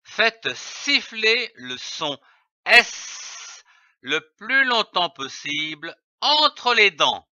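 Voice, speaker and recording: A man with a French accent teaching children to read, slowly spelling out letters and syllables in a deliberate lesson. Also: high voice, very animated, sharp tone, no room sound. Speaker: reading teacher. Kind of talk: slow, deliberate phonics lesson. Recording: dull, lo-fi.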